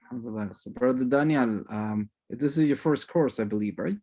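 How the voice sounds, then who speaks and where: A man instructor chatting warmly and rambling a little as he greets students on a video call, sprinkling in religious phrases. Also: mid-range voice, fairly quick. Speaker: course instructor. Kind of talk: casual chat greeting an online class.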